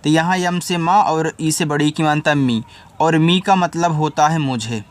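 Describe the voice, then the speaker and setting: A man's voice: on the high side, unhurried. A man who teaches English and spells words out letter by letter, then patiently explains how to read them. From India. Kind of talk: spelling lesson.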